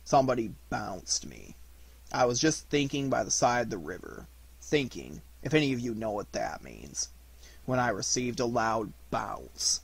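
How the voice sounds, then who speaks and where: Slow, gloomy Eeyore the donkey. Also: male voice, mid-range voice, pitched below the performer's own voice, heavily acted. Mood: aggrieved, sardonic. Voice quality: gruff. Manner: slow, drawn-out, deadpan grumbling. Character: gloomy old male donkey, sardonic and aggrieved.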